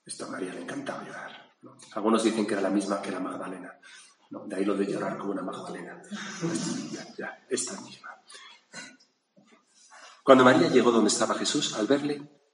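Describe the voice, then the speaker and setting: A man's voice: lowish voice, a little fast, pauses often. A man from preaching a reflective gospel sermon, in a conversational manner with little asides to his listeners. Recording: echoey hall with faint room noise.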